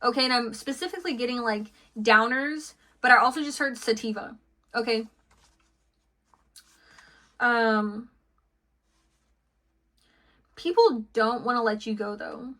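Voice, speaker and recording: A woman's voice: a little high, measured pace, pauses often, fairly bright tone. A woman giving an intuitive tarot reading to her viewers, chatty and full of "okay" and "like" fillers. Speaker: tarot card reader.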